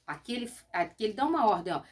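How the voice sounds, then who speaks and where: A woman's voice: mid-range voice, sing-song, very fast. A middle-aged woman schoolteacher giving a recorded Portuguese lesson, explaining patiently step by step and often checking with short questions.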